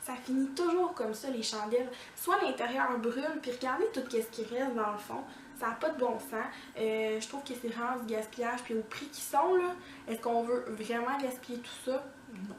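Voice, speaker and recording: A woman's voice: fairly high pitch, moderate pace, a little hiss or hum. A woman with a Québécois accent reviewing finished products in a casual vlog, chatty and full of "euh" fillers. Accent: Québécois French. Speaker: beauty vlogger. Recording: echoey room.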